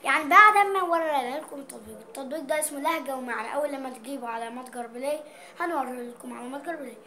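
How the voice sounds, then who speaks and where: High-voiced Egyptian woman, playful vlogger. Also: racing, sharp tone. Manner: playful, reading out dialect words and their meanings. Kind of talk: casual vlog chat.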